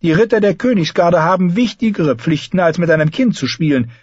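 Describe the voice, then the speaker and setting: Reading an audiobook, a man voices an imperious queen mother who is cold and sharp, speaking down to her son in a commanding, cutting, condescending manner. His voice sits high and is pushed up, animated, brisk, and slightly rough. The recording is muffled, with no room sound.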